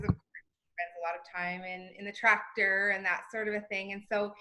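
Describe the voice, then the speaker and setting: A woman's voice: mid-range voice, sharp tone. A woman co-host telling a casual personal story in an earnest, explanatory way.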